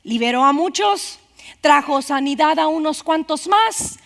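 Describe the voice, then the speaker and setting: A woman preacher giving an animated sermon, calling out to the congregation and swinging from loud to soft. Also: high-pitched, unhurried, vocal fry. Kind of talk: lively bilingual-church sermon. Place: church sanctuary. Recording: reverberant church hall.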